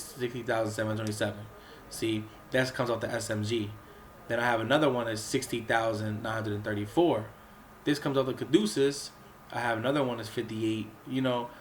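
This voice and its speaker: A man with a cold who keeps clearing his throat, casually talking through a game's crafting menus with lots of fillers and restarts. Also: medium pitch, pushed and bright, slight background noise. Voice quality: sounds a bit off from a cold. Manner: rambling, with many fillers and restarts. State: under the weather, coughing and clearing his throat. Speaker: gaming channel host. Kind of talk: casual gameplay walkthrough commentary.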